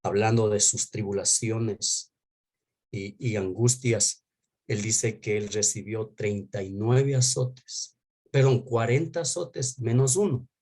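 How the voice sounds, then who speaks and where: A man's voice: fairly low pitch, slow, darkish tone. A male pastor with an Ecuadorian accent giving an earnest, emotional testimony, often restarting his sentences. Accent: Ecuadorian Spanish. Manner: earnest, emotional storytelling with many restarts and fillers. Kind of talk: testimony sermon.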